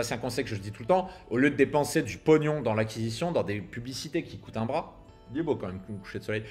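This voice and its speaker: A man gives business advice outdoors at sunset, filming himself as he talks. His delivery is punchy and emphatic, with slang and a few swear words thrown in. Soft music plays quietly behind him. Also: medium pitch. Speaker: business coach for copywriters. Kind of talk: casual advice monologue to camera. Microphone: camera filming himself.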